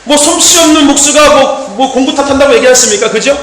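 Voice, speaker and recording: High-voiced male preacher in an echoey church. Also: quick pace, background noise. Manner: animated storytelling with shouted emphasis and repeated amen calls. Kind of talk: sermon. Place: church hall. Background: congregation answering amen.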